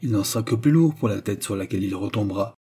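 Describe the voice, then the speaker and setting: A man's voice: on the low side, expressive, fast, dark tone, breathy edge, exaggerated voice. A man reading a grave, proud cardinal. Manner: grave, assured. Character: dignified, wounded male cardinal.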